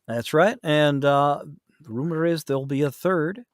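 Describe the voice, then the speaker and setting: In a clean studio with no echo, a voice actor and audiobook narrator talks as a guest on a casual podcast interview. His fairly high voice keeps a measured pace while he explains things tentatively, often correcting himself.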